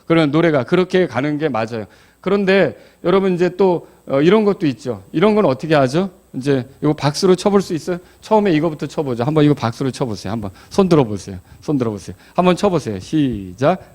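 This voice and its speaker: A pastor teaches a Bible study lesson in a slightly high, animated, brisk voice with a little mellowness. He explains patiently, asks the class questions, adds folksy asides, and claps out rhythms.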